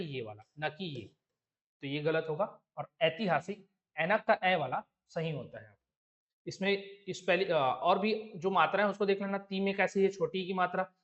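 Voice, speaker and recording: Man teaching Hindi spelling, high voice. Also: a bit bright, muffled recording. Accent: Chhattisgarhi Hindi. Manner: explains step by step, asks rhetorical check questions. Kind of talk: exam-prep lesson.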